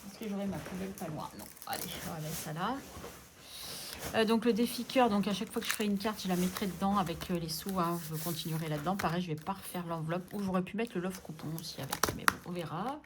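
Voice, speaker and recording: A woman's voice: lowish voice, fast talker, background noise. A woman vlogging about her budget envelopes, chatting casually and playfully scolding herself as she sorts things. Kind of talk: casual chat while sorting envelopes.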